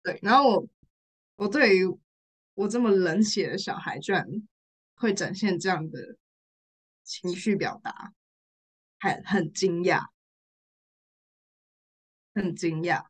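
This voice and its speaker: A woman's voice: fairly low pitch, slow, long pauses, husky. A young woman from Taiwan with a Taiwanese Mandarin accent, telling a personal story in casual chat, repeating herself and laughing through tears. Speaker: podcast guest, rehearsal studio owner.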